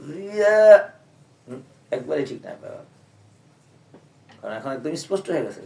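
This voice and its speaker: A man's voice: mid-range voice, a little fast, gravelly, darkish tone. An older male teacher leads a Quran lesson. He recites verses and quizzes his students with blunt, teasing questions. He is recorded from a distance in an echoey room, with faint room noise behind him. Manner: colloquial, scolding teasing tone.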